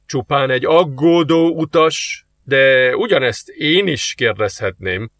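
A man reading aloud, voicing a suave, mocking male demon who talks slowly and teasingly. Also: medium pitch, lively intonation, a bit bright, dry recording. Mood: smug. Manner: smug, slow and teasing.

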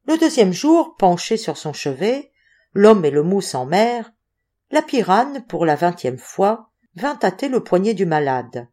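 A woman reading a literary novel aloud as an audiobook narrator, measured and expressive. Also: medium pitch. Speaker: audiobook reader.

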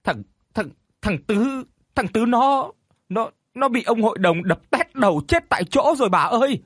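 A panicked older neighbor woman in a spoken horror story, out of breath and stammering in a shrill, high voice, as a male narrator acts her out. The pitch leaps far above his own and the sound stays dry and close. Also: lively intonation, moderate pace, fairly bright tone, breathy edge, no echo, full character voice.

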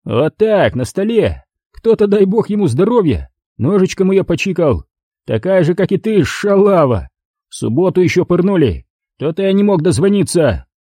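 A man's voice: high-pitched, big pitch swings, moderate pace, warm tone, slightly rough, no room sound, voice pushed up, exaggerated voice. A man voicing a coarse young male thug who barks sneering, menacing commands. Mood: gloating.

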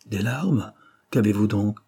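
A sly old bandit with a wheedling, knowing way of talking, as a man reads him in an audiobook. The voice sits low and dark, with a husky edge. He sounds gallant and scheming. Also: slow pace, heavily acted.

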